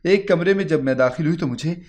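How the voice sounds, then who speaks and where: A man reading a first-person moral story in a steady, earnest narration. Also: a little high.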